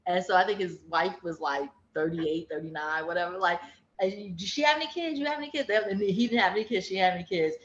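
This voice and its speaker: A fifty-something woman with a lowish voice talks at a quick pace. It's a casual chat full of storytelling and acted-out quotes, recorded in a dull, echoey room.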